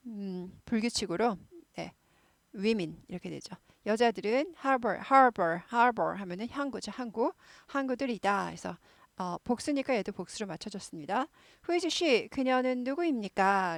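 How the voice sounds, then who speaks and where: A woman's voice: medium pitch, no echo. A woman teaching English phrases in a casual, chatty way. She keeps affirming herself with short fillers and repeats words to drill pronunciation. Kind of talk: casual explanatory lesson.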